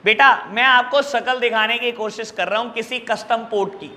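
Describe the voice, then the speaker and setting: A man teaching a commerce class, warmly calling his students "beta" and asking them questions that he answers himself. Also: very high-pitched, normal speed, in a large hall. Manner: affectionate, calls students "beta" and "babu" constantly. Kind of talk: classroom lecture.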